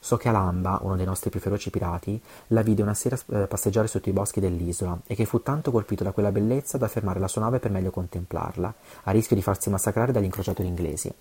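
Un uomo che dà voce a un feroce capo pirata giovane, intenso e cupo, in un romanzo letto ad alta voce. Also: male voice, lowish voice, quick pace, few pauses, mellow, breathy edge. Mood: eager. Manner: brooding, intense. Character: fierce young male pirate chief.

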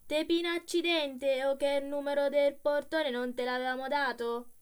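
A woman voicing an angry, panting male gravedigger, loud and swearing. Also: sits high, steady tone, normal speed, pitched above the performer's own voice, close to an everyday voice.

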